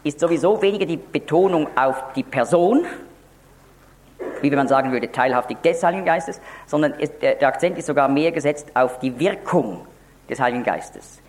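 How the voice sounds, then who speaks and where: A man's voice: a little high, animated, normal speed. A man preaching a Bible teaching, explaining step by step and stressing key words, sometimes restarting and repeating words.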